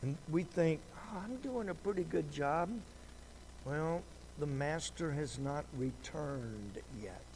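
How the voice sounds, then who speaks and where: A man teaching a Sunday Bible lesson in a slow, conversational preaching style, with dry sarcastic asides. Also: fairly high pitch, expressive, a little mellow, slight background noise, poor audio.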